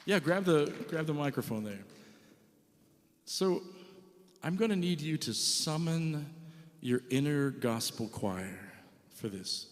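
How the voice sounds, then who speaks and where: A church musician with a fairly high, lively voice speaks slowly and pauses often, joking casually and rambling self-deprecatingly between songs. He also sings with his guitar in a live recording full of long reverb.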